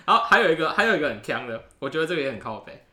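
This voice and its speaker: A man's voice: fairly high pitch, very animated, very fast, bright, forceful tone. A man with a Taiwanese Mandarin accent, co-hosting a casual podcast and playfully quizzing his partner with joke questions. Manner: playful storyteller posing joke quiz questions. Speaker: podcast co-host. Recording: roomy echo in a new recording spot.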